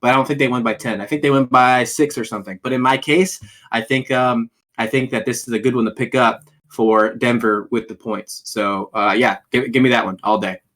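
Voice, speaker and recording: An excitable man co-hosts a casual sports podcast and keeps firing quick questions at his partner. His voice sits at an ordinary middle pitch.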